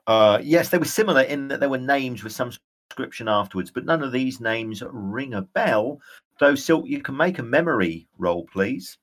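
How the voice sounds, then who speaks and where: A man running a tabletop role-playing game as game master, describing scenes in a halting way. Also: medium pitch, lively intonation.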